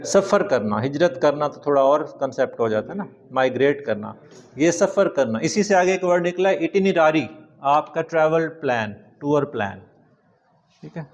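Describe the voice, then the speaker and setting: A man with a Pakistani accent teaching a classroom vocabulary lecture. He reads English words slowly and explains them in Urdu. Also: a little high, lively intonation, muffled recording.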